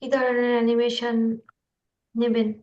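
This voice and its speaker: A woman tutors people on video animation software in an informal screen-share, hesitating and checking that her listeners are keeping up. Her fairly high voice is monotone, a little slow and darkish in tone. It comes through an online meeting call as dull, lo-fi audio.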